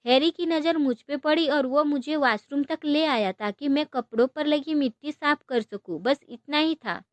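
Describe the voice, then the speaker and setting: A woman's voice: high voice, moderate pace, no room sound, lightly acted. A woman voicing a young, gushing best friend, pleading through tears in a storybook. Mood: explaining. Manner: emotional, pleading, mixes Punjabi and English words.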